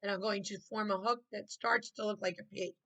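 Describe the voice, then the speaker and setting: A woman's voice: medium pitch, steady tone, brisk, creaky, pushed and bright, poor audio. A woman art teacher leading children through a step-by-step drawing lesson, encouraging them with praise and prompts.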